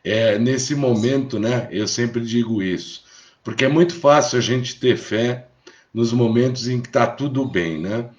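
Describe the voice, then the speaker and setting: A Brazilian man born in Rio de Janeiro hosts a live stream, casual and reassuring, often checking in with short tag questions. His voice is medium-pitched and unhurried. The live stream audio is dull and lo-fi.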